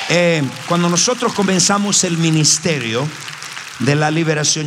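A man's voice: mid-range voice, background noise. A man preaching a sermon as pastor, emphatic and repeating his phrases. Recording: long hall reverb.

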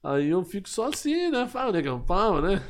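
A man's voice: sits high, sing-song, moderate pace. A man telling a heartfelt story in casual chat, slangy and rambling. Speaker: podcast guest.

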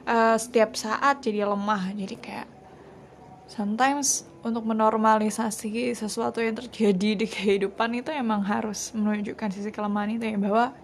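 Young woman, podcast host, soft reassuring chat, somewhat high-pitched, light background hiss. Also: steady tone, normal speed. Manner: gentle, reassuring, mixes English phrases into casual speech. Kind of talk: casual solo podcast talk.

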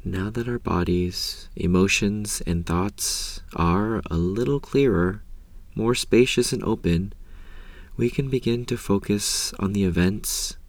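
A man guides a meditation in a very low, soft voice. His delivery is calm and unhurried, with long pauses and a gravelly creak as phrases trail off gently. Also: dry recording. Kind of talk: slow guided meditation narration.

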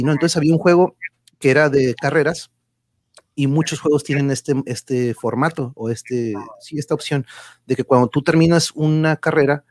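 A Mexican man hosts an online stream in a casual, rambling way. His voice sits at an ordinary male pitch. The sound is dry, with hardly any room on it. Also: a little mellow, no room sound. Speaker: host of an online channel livestream.

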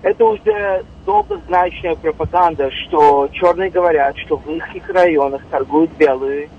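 A man's voice: on the high side, big pitch swings, normal speed, vocal fry. A man calling in to a radio talk show over a faint, crackly phone line, laying out his points one by one. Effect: faint crackly cordless phone line. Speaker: caller. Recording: tinny noisy phone line.

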